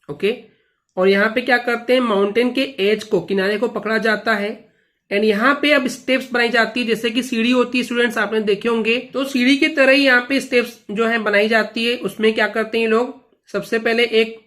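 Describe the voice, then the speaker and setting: A man's voice: sits high, fairly bright tone. A young man teaching a school lesson at a board, patient and repetitive, often checking in with "okay" and "students". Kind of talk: explaining a lesson at a whiteboard.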